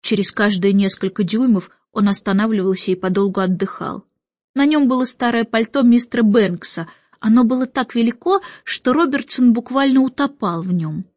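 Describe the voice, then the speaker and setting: A woman narrating a children's storybook in a lively, expressive way. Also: fairly high pitch, normal speed, no echo, muffled recording. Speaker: audiobook reader.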